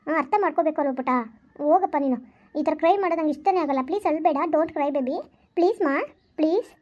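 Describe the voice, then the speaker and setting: A woman's voice: sits high, fast talker, highs cut off, close to an everyday voice. A woman voicing a patient mother who soothes and coaxes her crying daughter in a family skit. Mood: soothing. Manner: soothing, coaxing, lecturing softly.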